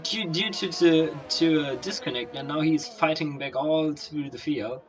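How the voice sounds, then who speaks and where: A young man co-commentating a sim-racing league race, hesitant and searching for words, then bursting into excitement at overtakes. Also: on the high side, unhurried, over music. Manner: excitable, hesitant, bursts of enthusiasm at overtakes, non-native phrasing.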